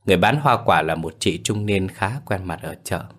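A man narrating a ghost story in a somber, measured way. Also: low-pitched, expressive, a bit bright.

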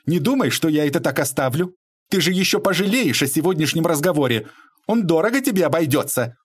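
A man's voice: fairly high pitch, expressive, moderate pace, no room sound, studio quality, voice pushed up. A man voicing an imposing, theatrical middle-aged woman who shrieks and accuses. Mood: threatening.

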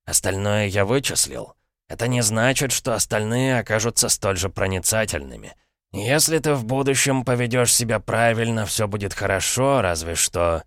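A man voicing a sly, pompous middle-aged uncle, smooth and mock-courteous, with an ironic tone. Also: on the low side, animated, normal speed, fairly bright tone, dry recording, studio quality, pitched above the performer's own voice. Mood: smug. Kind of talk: audiobook character voice.

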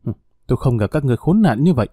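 Brief: man doing a terrified young woman captive, tearful and begging, pitched up, dark dry tone. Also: lively intonation, rapid-fire, no room sound, faint music behind, lightly acted. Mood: pleading. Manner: tearful and pleading. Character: young woman, frightened, pleading, sold captive.

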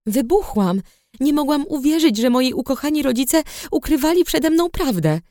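A woman's voice: sits high, animated, moderate pace, mellow, dry recording. Woman narrating an audiobook, dry sound. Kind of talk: first-person audiobook narration.

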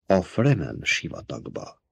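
A man doing a young man on the run through a desert, with short, clipped lines. The voice stays low and hushed, with no room sound around it. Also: lively intonation, husky, dry recording. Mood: calm. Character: young man fleeing across desert, urgent.

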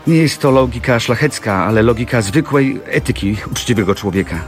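A man's voice: medium pitch, brisk, faint music behind, pitched above the performer's own voice, lightly acted. A man voicing a bitter, ruined young mill owner in an audiobook. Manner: bitter, despairing, proud. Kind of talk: audiobook reading of a classic novel.

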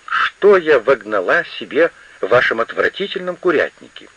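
A man's voice: fairly low pitch, wildly swooping pitch, normal speed, gravelly, sharp tone, husky, no echo, heavily acted. A man voicing a fussy, scolding older mother-in-law in a read-aloud story, on a muffled lo-fi radio recording. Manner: scolding, imperious.

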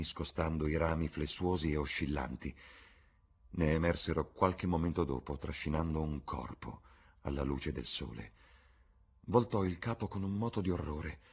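A middle-aged man reading a novel aloud in a measured, expressive way. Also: a bass voice, breathy edge. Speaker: audiobook reader. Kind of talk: scripted literary narration.

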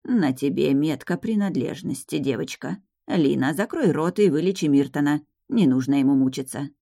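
A woman reading the part of a stern old grandmother who is a powerful high witch, speaking slowly and with command. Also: animated, vocal fry, mellow, dry recording, studio quality, full character voice. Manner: slow, measured, commanding.

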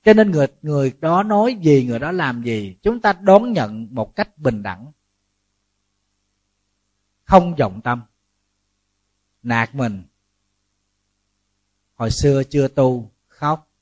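A man, a Buddhist monk giving a lively, humorous sermon full of rhetorical questions. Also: mid-range voice, slow, long pauses, no echo.

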